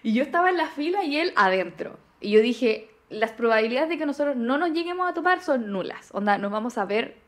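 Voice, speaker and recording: A young Chilean woman telling a dating story in casual chat, animated and full of slang. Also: fairly high pitch, brisk, hardly any pauses. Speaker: podcast guest.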